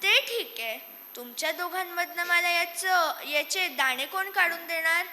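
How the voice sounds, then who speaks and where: A woman's voice: very high-pitched, expressive, a little slow, pushed and bright, slight background noise, heavily acted. A woman voicing a hardworking male rooster who speaks firmly and asks pointed questions. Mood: asking. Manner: firm, questioning, matter-of-fact. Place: stage in a hall. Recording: echoey hall.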